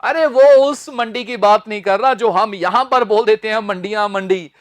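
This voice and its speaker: A man teaching spoken English, repeating words slowly and talking directly and informally to his students. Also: very high voice, no room sound, studio quality. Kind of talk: pronunciation lesson.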